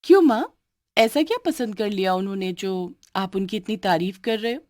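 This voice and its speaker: A woman's voice: mid-range voice, expressive, moderate pace, darkish tone, no echo, studio quality, natural voice. A woman voicing a spoiled, arrogant young wife in a cartoon story who orders others around. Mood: sweet. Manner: haughty, demanding. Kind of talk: cartoon voice acting.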